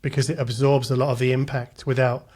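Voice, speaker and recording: A man's voice: medium pitch, flat delivery, brisk, a little mellow. A man hosting a casual podcast chat, mostly answering with short, agreeing replies. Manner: brief affirming interjections. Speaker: podcast host.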